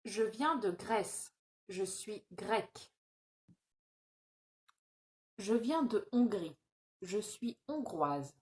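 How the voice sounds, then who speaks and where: A woman's voice: medium pitch, expressive, extremely slow, long pauses, a little mellow. A woman reading scripted phrases for a language-learning video, enunciating each short line carefully.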